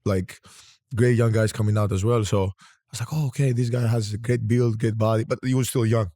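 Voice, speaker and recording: A man's voice: fairly low pitch, fairly even intonation, a little fast, dark tone. A man from Greece hosting a casual interview, talking in rambling sentences that often restart. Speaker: podcast host.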